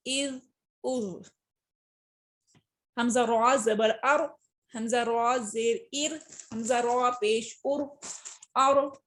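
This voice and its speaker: A woman teaching Quran reading, pronouncing letters slowly and carefully between quicker explanations. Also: a little high. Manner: slow drawn-out syllable drills between quick explanations. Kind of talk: recorded tajweed lesson.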